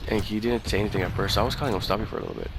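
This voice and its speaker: A man with a fairly low voice tells a long, rambling story over voice chat, his talk full of "like" and swearing. Clear gunfire and clicks from the game run behind him the whole time. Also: fairly even intonation, racing, noisy background. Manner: rambling, profane, full of fillers and restarts. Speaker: gamer chatting with a friend. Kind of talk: casual chat while playing a shooter game.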